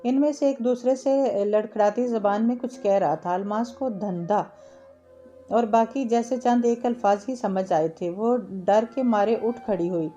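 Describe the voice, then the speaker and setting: A woman reading a novel aloud in a steady, slightly halting way, with small slips and restarts. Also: on the high side, dull audio, faint music behind. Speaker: story reader.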